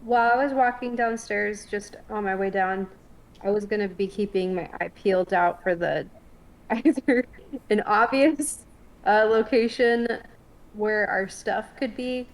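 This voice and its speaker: A woman's voice: medium pitch, unhurried, low-quality recording. A woman playing a tabletop game who drops wry, sarcastic asides between her moves. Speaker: player.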